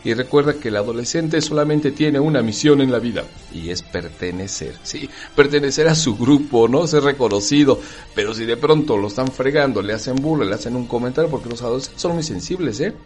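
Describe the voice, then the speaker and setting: A man talks straight to the listener in a lively, conversational way. His voice sits in a middle range and keeps asking rhetorical questions. Faint music plays underneath. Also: mid-range voice, brisk. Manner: animated, rhetorical questions, acts out dialogues. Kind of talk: casual talk to the listener.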